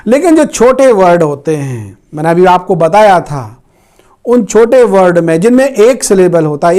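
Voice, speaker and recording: Slow, high-voiced grammar teacher. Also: male voice, darkish tone. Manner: slow, repeats words for learners. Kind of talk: Hindi-language grammar lesson.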